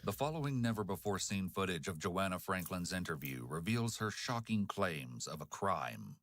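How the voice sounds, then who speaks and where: A man reading scripted true-crime narration in a measured, dramatic way. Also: low-pitched, animated, fairly bright tone. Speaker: documentary narrator.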